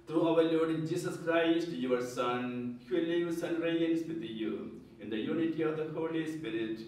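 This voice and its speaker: Slow priest in cathedral echo. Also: male voice, a little high, darkish tone. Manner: measured, solemn recitation. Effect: heavy cathedral-like church echo. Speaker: priest leading Mass. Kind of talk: reciting the liturgy and readings. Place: large church. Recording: very echoey church, mic far off.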